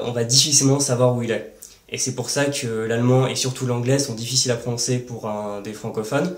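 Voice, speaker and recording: A man's voice: medium pitch, a little mellow, echoey room. A man hosting a language-learning lesson, explaining step by step with worked examples and frequent hesitation fillers. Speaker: language-learning channel host.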